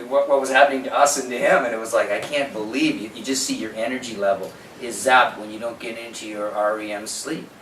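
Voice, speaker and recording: A man's voice: mid-range voice, fairly bright tone. Echoey, distant man giving a health talk. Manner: conversational, opinionated, uses rhetorical questions and quoted asides. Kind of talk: informal health seminar lecture. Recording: echoey room, distant mic, background noise.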